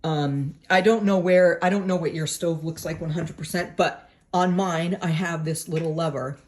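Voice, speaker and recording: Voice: mid-range voice, fairly even intonation, moderate pace. Speaker from New England, casual how-to, chatty, informal, indoors at home, phone mic. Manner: chatty and informal, with frequent tag questions. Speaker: home vlogger explaining a woodstove to a friend. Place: at home beside a woodstove, indoors.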